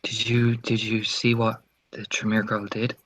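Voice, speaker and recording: A man's voice: lowish voice, completely flat delivery, a little slow, a bit bright. A man voicing a sly young vampire woman who plays sweet and innocent with her father. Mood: worried. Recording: dull lo-fi recording.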